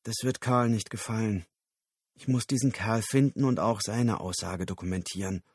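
A man's voice: fairly low pitch, normal speed, breathy edge, dry recording, studio quality. A man playing an earnest, awkward researcher. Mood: terse.

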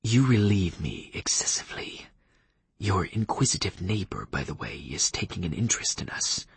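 A man reading an audiobook, voicing a formal old male vampire lawyer who speaks in a stuffy, archaic, quiet, half-whispered way. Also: low voice, sing-song, moderate pace, gravelly, husky, no echo, heavily acted.

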